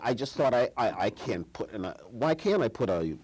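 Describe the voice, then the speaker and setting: A man's voice: medium pitch, big pitch swings, normal speed, a little mellow, husky, rough recording. A man in his fifties from Chicago, a guest filmmaker in a studio interview, speaking thoughtfully with frequent restarts and trailing phrases. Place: TV studio set.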